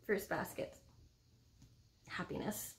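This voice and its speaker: A woman in her thirties co-hosts a book vlog, bantering casually in a playful, gushing way from a small room at home. She speaks slowly, and the audio quality is poor.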